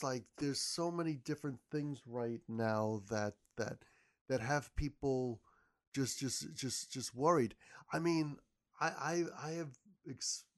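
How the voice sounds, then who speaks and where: A man as a podcast guest, talking casually and rambling with lots of restarts. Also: fairly high pitch. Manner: rambling, many repeated starts. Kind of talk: casual conversation.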